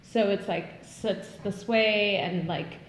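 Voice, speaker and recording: In a casual podcast conversation, a woman in her 20s whose first language isn't English speaks earnestly and thoughtfully, pausing to find words. She has a mid-range voice, fairly even intonation, and a slow pace. There's a roomy echo and slight hiss or hum.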